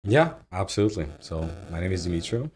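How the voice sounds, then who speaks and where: A Ukrainian man in his thirties, an agency founder, is a guest in a casual interview in a home living room, recorded on a studio mic on a boom arm. His voice sits low, a little mellow with a breathy edge, and he talks fast and very animatedly. He's easygoing, with loose phrasing and frequent laughs.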